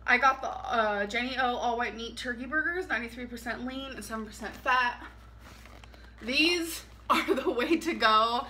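A woman's voice: fairly high pitch, pushed and bright, slight background noise. A woman in her twenties chatting casually through a grocery haul in her home kitchen late at night, tired and giggly. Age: 20s. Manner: chatty, giggly, talks while unpacking items. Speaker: vlogger.

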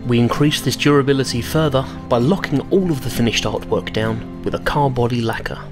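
A man giving a scripted voice-over narration, explaining workshop steps in a measured, matter-of-fact way. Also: mid-range voice, over loud music. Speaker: studio narrator.

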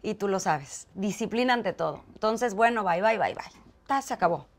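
Her mid-range voice keeps a moderate pace as this interview guest, a woman with a Mexican accent, tells a personal story in a conversational way. She brings it to life by animatedly acting out the dialogue.

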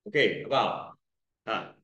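Slow-talking man teaching pronunciation. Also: lowish voice, pushed and bright, lo-fi sound. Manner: patient, drawn-out demonstrations of vowel sounds. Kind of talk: tutoring lesson, mixing Mandarin and English. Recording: echoey room.

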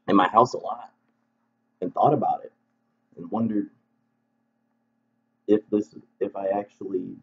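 Earnest husky man, halting vlog talk. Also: lowish voice, bright, forceful tone. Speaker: video creator. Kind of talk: reflective vlog monologue. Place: at home. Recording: dull lo-fi recording.

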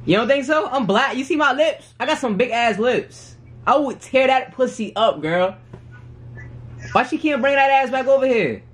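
A man's voice: extremely high pitch, lively intonation, normal speed, a bit bright. A young man in his twenties, chatting with strangers on a video app in brash, teasing, slangy banter. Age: 20s. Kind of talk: casual video chat. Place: small room indoors.

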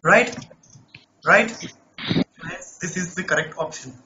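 Teaching math live online at a slow pace, this man speaks in a high, sharply bright voice that isn't quite normal, since he says he lost it. He keeps coaxing students and checking in again and again with a repeated "right?". Faint noise sits under the dull, lo-fi audio.

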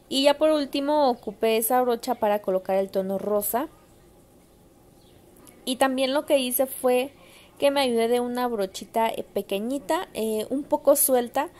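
A woman's voice: a little high, a little mellow. A young woman narrating her makeup tutorial to viewers in a chatty way, with lots of filler sounds. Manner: chatty, addresses viewers as girls, many fillers. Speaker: makeup vlogger.

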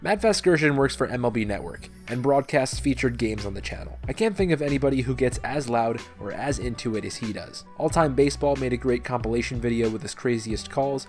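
A man's voice: mid-range voice, darkish tone. Man narrating a video over music. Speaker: video host and baseball fan narrator. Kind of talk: scripted narration.

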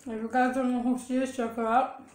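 A woman hosting a mukbang eating show, chatting casually with slow words and contented hums between bites, at home. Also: on the high side. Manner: slow, relaxed, murmurs and hums while eating. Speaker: mukbang host. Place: home, indoors. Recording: echoey room with faint hum.

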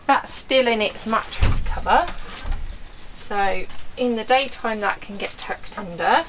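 A chatty English woman with a mid-range voice vlogs over a noisy background, self-mocking and laughing often. She converts vans and chats casually, filming inside a van on a driveway and outdoors beside a house.

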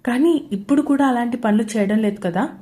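A woman voicing an arrogant, teasing young husband in a loud, taunting way. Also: fairly high pitch, fairly quick, natural voice. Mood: firm. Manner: louder, taunting delivery.

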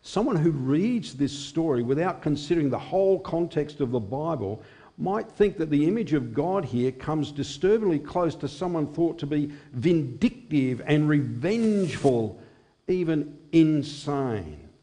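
A man in his sixties preaching a sermon in a small chapel at a lectern microphone, measured and expressive. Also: fairly high pitch. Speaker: chaplain preaching.

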